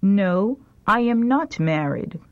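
Slow, deliberate woman reading lesson phrases. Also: mid-range voice, lively intonation. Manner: deliberate, carefully enunciated. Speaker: language course reader. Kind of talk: slow scripted phrasebook drill. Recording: dull lo-fi tape recording.

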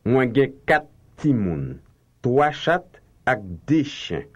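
A man's voice: mid-range voice, big pitch swings, takes it slowly, breathy edge. A man repeating phrasebook lines for a language course in a careful, lilting way. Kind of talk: slow scripted phrasebook drill. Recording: dull lo-fi tape recording.

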